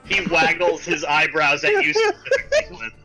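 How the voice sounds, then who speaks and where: A man's voice: a little high, wildly swooping pitch, moderate pace, over music, poor audio. A man running a tabletop game as game master, narrating loosely with many fillers.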